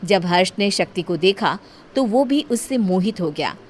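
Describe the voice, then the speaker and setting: A woman narrating a cartoon horror story in a steady, plain storytelling manner. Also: medium pitch, moderate pace, slight background noise.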